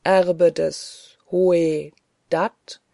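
A commanding angel spirit speaks in slow, solemn, prophetic tones, as the audiobook's reader gives it voice. The sound is dark and gravelly and sits close and dry. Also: mid-range voice, little pitch movement, no echo.

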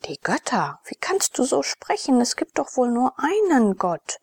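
A woman's voice: sits high, very animated, unhurried, vocal fry, a little mellow, breathy edge, no echo, pitched above the performer's own voice, heavily acted. A woman voicing a zealous, vehement young male priest in an audiobook, speaking fervently and urgently.

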